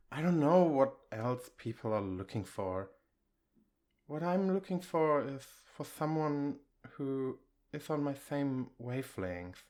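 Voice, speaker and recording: In an intimate ASMR comfort roleplay, a man with a voice on the high side plays an affectionate, reassuring boyfriend. He speaks gently and conversationally, coaxing the listener.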